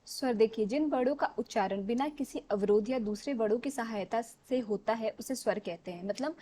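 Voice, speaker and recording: A woman's voice: a little high, darkish tone. A woman teaching an exam revision lesson. She explains step by step, mixes in English words and keeps checking with the class.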